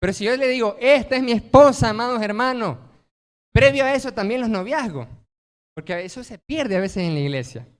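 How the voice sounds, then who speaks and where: A man's voice: sits high, animated, fairly quick, in a large hall. A man preaching a sermon as pastor, emphatic, posing rhetorical questions and answering them himself.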